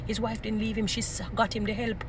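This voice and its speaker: Her delivery is flat and fairly quick, in a voice a little on the high side, with noise in the background. A woman with a Jamaican accent and a strong voice, she offers emphatic, preachy relationship advice in an informal motivational talk, repeating short phrases for emphasis.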